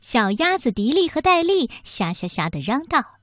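A woman reading a children's picture book aloud, in an expressive, sing-song storytelling voice. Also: high-pitched, normal speed.

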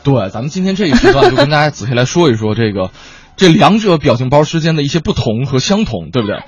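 A man hosting a radio variety show, chatting in quick, playful banter, heard as an AM radio broadcast. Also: fairly high pitch, very animated, husky, dry recording, lo-fi sound. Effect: AM radio broadcast sound. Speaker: radio host. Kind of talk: lively radio variety chat.

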